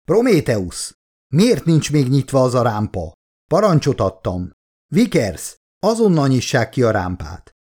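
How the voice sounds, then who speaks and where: A man doing a shouting ship captain. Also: medium pitch, very animated, slightly rough. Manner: shouting orders. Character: commanding male ship captain, barking orders.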